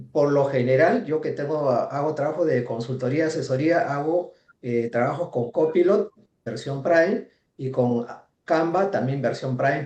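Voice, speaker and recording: A man working as a consultant, giving a measured, explanatory comment in a workshop and listing points with tag questions. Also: a little high, a little mellow, reverberant.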